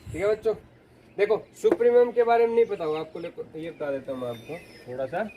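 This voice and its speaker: A man's voice: high voice, steady tone, fast, phone-quality sound, noisy background. A man teaching a math lecture, explaining step by step and often asking his students questions. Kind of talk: classroom lecture.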